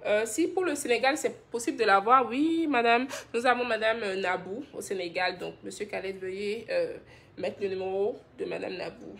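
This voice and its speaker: A gravelly, medium-pitched voice at a moderate pace comes from a Beninese woman who hosts a skincare brand's live stream. Laughing often, she reads viewer comments about skincare aloud and answers them with chatty affection.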